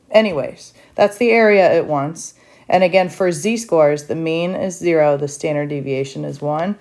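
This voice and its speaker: Woman teacher, lower voice, chatty, step-by-step explainer, close mic. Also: darkish tone. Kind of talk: recorded math lesson.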